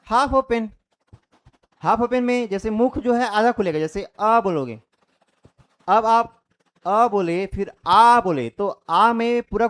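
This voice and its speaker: High-voiced man teaching a grammar class. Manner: explains step by step with repeated checks; demonstrates sounds by saying them aloud. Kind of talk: online Hindi grammar lesson.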